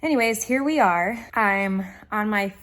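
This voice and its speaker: A woman's voice: mid-range voice, lively intonation, measured pace, a bit bright. A woman vlogger chatting casually to viewers, with a slight lisp from wearing dental aligners like a retainer.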